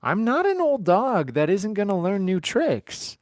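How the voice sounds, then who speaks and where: A man's voice: sits high, very animated, a little slow, no room sound, clean studio sound. A man in his thirties chatting casually on a live stream from his farm, rambling and joking with his viewers. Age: 30s. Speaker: livestream host.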